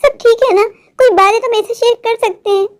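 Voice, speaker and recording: A woman's voice: very high-pitched, fairly even intonation, fast. Woman voicing a fussing, worried cartoon wife. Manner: fussing, questioning, gently scolding. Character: caring, chatty young wife, worried.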